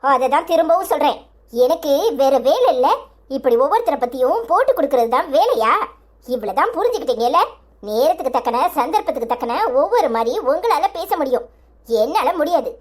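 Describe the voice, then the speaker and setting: A performer voicing a fed-up young wife in a cartoon comedy, speaking with a Tirunelveli Tamil accent. She scolds hard in a high voice that rises and falls a lot. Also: sing-song, fairly quick. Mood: indignant. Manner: scolding, indignant.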